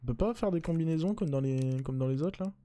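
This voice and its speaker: A man's voice: on the high side, mellow, no room sound. A young man casually commenting as he plays a horror game, muttering to himself and cracking jokes. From France. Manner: chatty, muttering to himself, quick to joke. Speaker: let's play streamer.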